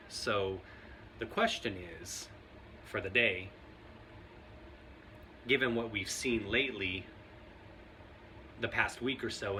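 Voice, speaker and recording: A man's voice: lowish voice, sharp tone, slight background noise. A man vlogging casual commentary to camera, talking in a rambling, conversational way and often laughing.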